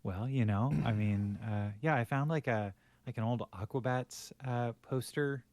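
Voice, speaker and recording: A man's voice: mid-range voice, measured pace, a little mellow, no room sound. A middle-aged man co-hosting a podcast, telling family stories in casual chat with lots of restarts and laughter. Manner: rambling with many restarts and laughs. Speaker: podcast co-host.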